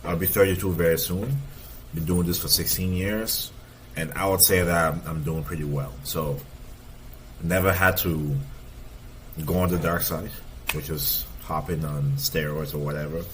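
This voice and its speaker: A man's voice: low-pitched, fairly even intonation, normal speed, a bit bright, a little hiss or hum. A man in his thirties, a fitness coach, giving casual, emphatic reaction commentary and repeating points for stress. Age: 30s.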